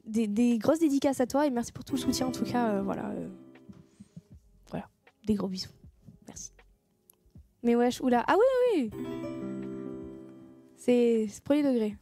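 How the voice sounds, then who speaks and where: A woman's voice: fairly high pitch, moderate pace, vocal fry, long pauses, warm tone, soft background music. A young woman streamer chatting casually with her viewers, swearing freely and thanking them as she goes. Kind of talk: casual live-stream chat.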